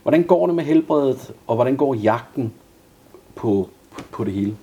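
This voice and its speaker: A man interviewing a guest and reading out viewer questions in a calm way. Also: medium pitch, lo-fi sound.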